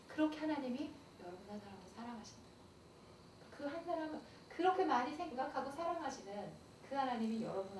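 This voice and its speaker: Animated middle-aged woman lecturing in an echoey hall. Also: on the high side. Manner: animated, playful and confiding. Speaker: pastor's wife giving a camp lecture. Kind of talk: church camp lecture on dating. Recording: echoey hall, far mic, noisy.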